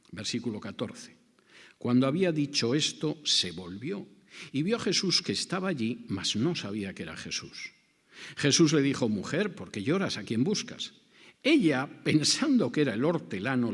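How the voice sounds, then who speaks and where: A man preaching an expository sermon. He is dramatic and rhetorical and acts out the scripture dialogue. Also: on the high side. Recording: reverberant hall.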